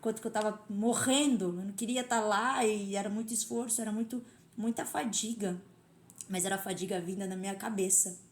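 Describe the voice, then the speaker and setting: Talking a little fast in a steady, medium-pitched voice, a woman who teaches karate shares her story as a podcast guest. The casual conversation is reflective, with her quoting her own inner talk, and the room has an echo.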